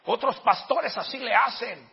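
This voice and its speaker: Shrill whiny critics, as a pastor mocks them. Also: male voice, a little slow, creaky, breathy edge, long reverb tail, heavily acted. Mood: mocking whine. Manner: mocking, whiny mimicry. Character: nagging complaining churchgoers, shrill and accusing. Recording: dull lo-fi recording.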